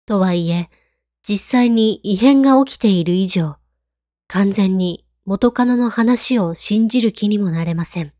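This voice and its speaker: A woman reading a scripted horror story in a hushed, calm, creepy storytelling manner. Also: mid-range voice, unhurried, dry recording, studio quality. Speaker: ghost story narrator.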